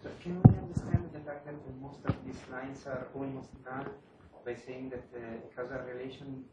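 A man's voice: mid-range voice, flat delivery, normal speed. A man in the audience at a lecture, putting a reasoned question to the speaker. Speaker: audience member asking a question. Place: lecture room, away from the mic. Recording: distant, echoey, noisy room pickup.

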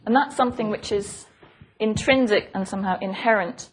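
A woman with a mid-range voice and a breathy edge gives an academic physics lecture at a fairly quick pace. She comes across as a thoughtful professor, hesitating and repeating phrases. Noise and clicks mar the recording.

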